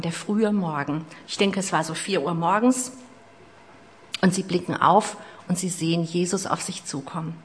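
Middle-aged woman preacher, mid-pitched voice, sermon delivery that swings from emphatic to hushed. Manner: storytelling, with personal asides and shifts between loud and hushed.

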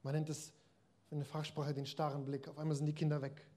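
A man's voice: a little high, level tone, brisk, dark tone. A man preaching a sermon in a conversational way, addressing his listeners directly.

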